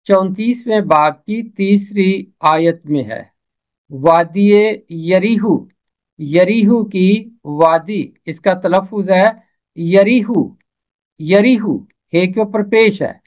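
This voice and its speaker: Slow, deliberate male pronunciation teacher. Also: high-pitched, lo-fi sound. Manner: measured, repeats each example phrase twice. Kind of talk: recorded pronunciation lesson.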